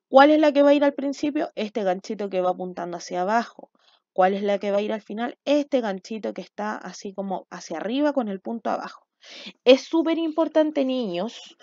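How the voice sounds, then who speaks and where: A woman's voice: on the high side, darkish tone, dry recording. A woman teacher with a Chilean Spanish accent, giving a recorded lesson to young children, patient and often checking that they follow. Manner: patient, checks understanding with frequent "¿ya?". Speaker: primary school teacher. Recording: dull, dry lo-fi home recording.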